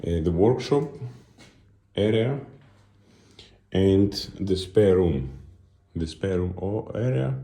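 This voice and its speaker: A man narrating an unscripted video tour as a guide, halting and pausing between short phrases. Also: low-pitched, mellow, echoey room.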